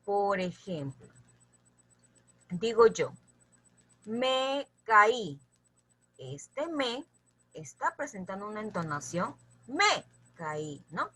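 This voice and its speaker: A woman's voice: mid-range voice, slightly rough. A woman teaching a grammar lesson, patiently addressing her students and checking in with them often as she repeats lists for them to memorize.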